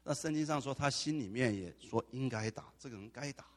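A man preaching a sermon as pastor, animated, with dramatic asides. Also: mid-range voice, a little fast. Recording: long hall reverb.

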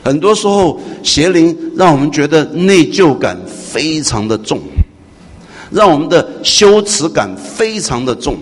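A male pastor preaching a sermon, swinging from hushed to loud and questioning his congregation. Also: a little high, expressive, unhurried, slightly rough. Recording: echoey hall with faint noise.

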